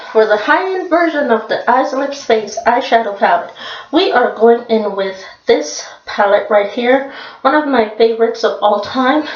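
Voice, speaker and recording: A woman talks through a makeup tutorial at an unhurried pace, repeating phrases as she goes. Her voice sits in the middle range and sounds distant and muffled. A reverberant room surrounds the recording. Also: mid-range voice. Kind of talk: casual how-to talk. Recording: echoey room, mic far off, dull sound.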